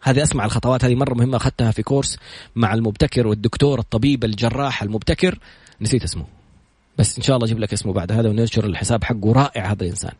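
A man with a Saudi accent telling stories in a motivational talk, retelling what others said with quick, animated delivery. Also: mid-range voice, slightly rough, no room sound. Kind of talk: motivational storytelling monologue.

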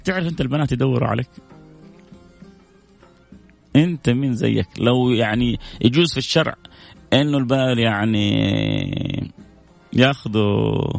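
A man hosting a radio advice show, talking in a playful, animated way. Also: medium pitch, gravelly. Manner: animated, playful, acts out both sides of an argument. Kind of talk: casual advice talk.

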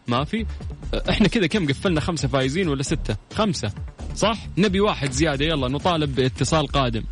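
A man hosting a live call-in radio show, greeting listeners and chatting with callers. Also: mid-range voice. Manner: warm greetings, quick lively banter with callers. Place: radio studio.

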